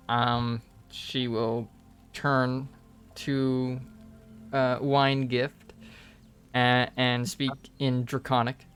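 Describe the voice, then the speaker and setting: A man narrating a tabletop role-playing game as game master, improvising in halting pieces. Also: medium pitch, bright, forceful tone, smooth. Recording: music behind the voice.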